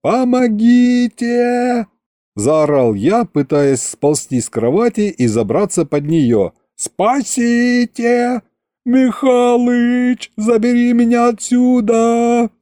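Guy doing a whiny young hero yelling for help, high and all over the place. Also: lively intonation, unhurried, few pauses, dry recording, clean studio sound. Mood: panicked. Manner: wailing, pleading, melodramatic. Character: whiny young male clerk Fedor, hero.

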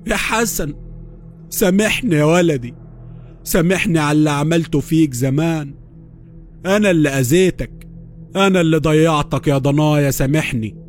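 A frail old grandfather in his seventies with an Upper Egyptian accent, voiced by a man. His thin, tremulous voice sits high and pleads with raw remorse, with faint music behind it in this horror audio story. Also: lively intonation, normal speed. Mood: grieving. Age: 70s. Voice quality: weak, tremulous. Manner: emotional, pleading.

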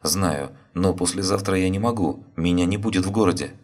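A man voicing a worried husband who talks tensely and tries to stay calm. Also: sits low, a little fast, pitched above the performer's own voice.

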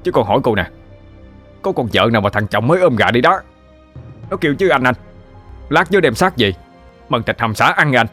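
A man voicing a hot-tempered, abusive husband, shouting and cursing. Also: medium pitch, animated, a little fast, long pauses, faint music behind, pitched above the performer's own voice. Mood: furious.

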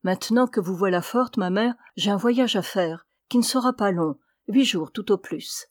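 A woman's voice: mid-range voice, normal speed, dry recording, lightly acted. A devoted young son pleads earnestly with his mother, as a woman reads his lines in an audiobook. His voice is sincere and pressing. The recording is dry and close. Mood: gentle. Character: young man, devoted yet torn son. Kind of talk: audiobook reading.

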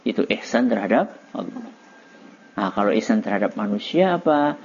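Lively man quizzing a children's class. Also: lowish voice, moderate pace, a little hiss or hum. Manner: lively, quizzing students, laughing. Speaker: religious teacher. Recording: dull lo-fi recording.

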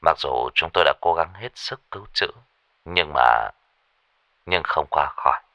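A man voicing a calm, deep-voiced official delivering bad news by phone in a ghost story. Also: full character voice. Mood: solemn. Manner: deep, warm, measured, trying to stay calm.

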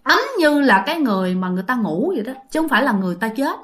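A woman's voice: on the high side, expressive, racing, fairly bright tone. Chatty woman storyteller. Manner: chatty, addresses listeners directly, many fillers. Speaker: ghost story narrator. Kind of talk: spoken ghost story telling.

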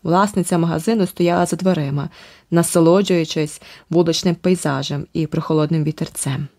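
A woman narrating an adventure audiobook in a steady, vivid storytelling manner. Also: low-pitched, brisk, no room sound, clean studio sound. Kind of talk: scripted narration.

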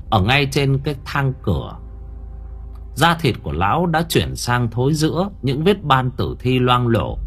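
A male narrator tells a horror story with vivid drama and lively rises and falls in pitch. His voice is husky and faint music plays under the reading. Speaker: audiobook narrator.

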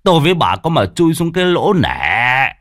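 A man voicing a stern, hot-tempered wealthy old village patriarch who scolds and shouts orders. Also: a bass voice, big pitch swings, a little slow, dry recording, studio quality, voice pushed down, heavily acted. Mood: furious.

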